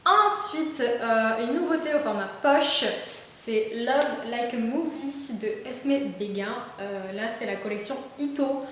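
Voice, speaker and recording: A woman's voice: on the high side, takes it slowly. Chatty young Frenchwoman in echoey room. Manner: chatty, many fillers and restarts, enthusiastic. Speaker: book vlogger. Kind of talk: casual book haul chat. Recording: very echoey room with faint hiss.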